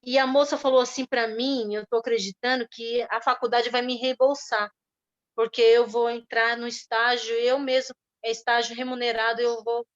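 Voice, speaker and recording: A middle-aged woman with a Brazilian Portuguese accent giving an earnest personal testimony at church, speaking softly with pauses and restarts. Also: fairly high pitch, flat delivery. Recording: dull lo-fi sound.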